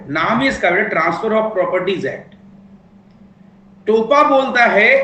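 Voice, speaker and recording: High-voiced man teaching a lively class. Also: reverberant, low-quality recording. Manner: playful, teasing, dictates points slowly. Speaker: law teacher. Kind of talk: classroom lecture.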